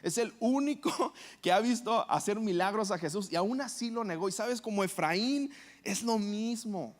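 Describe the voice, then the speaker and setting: A man's voice: high-pitched, animated, moderate pace. A man preaching a sermon as pastor, telling a story and acting out the quoted lines.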